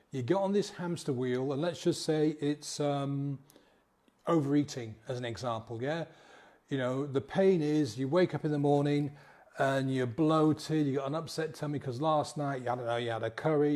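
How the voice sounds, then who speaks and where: A man's voice: mid-range voice, a little mellow. A man in a casual motivational talk as a sobriety coach, acting out inner voices and checking in with "yeah?". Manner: conversational, acts out inner voices, frequent "yeah?" tags.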